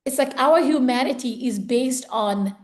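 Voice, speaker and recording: A woman's voice: high-pitched, measured pace. A woman who was born in Zambia and raised in the US, talking earnestly and reflectively in a casual conversation, often saying "you know" and "like". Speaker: podcast conversation partner. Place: home, based in Italy.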